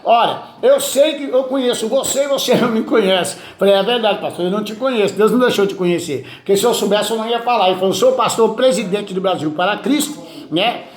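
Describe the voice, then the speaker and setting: High-voiced pastor in an echoey room. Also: male voice, fast talker. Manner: storytelling, acts out dialogue. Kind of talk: testimony preaching.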